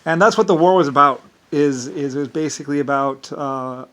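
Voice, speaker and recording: This fairly high, rather bright voice belongs to a U.S. man whose speech carries an Irish-like lilt. He talks briskly in a loose, wandering casual monologue, peppered with "basically."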